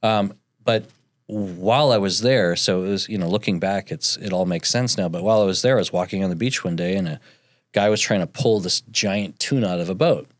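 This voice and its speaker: A chef and entrepreneur in his forties from North Dakota, appearing as a podcast guest, recounts his career in a casual interview. His voice sits low and moves a little fast, and he rambles with frequent fillers and restarts. The recording is dry, with clean studio sound.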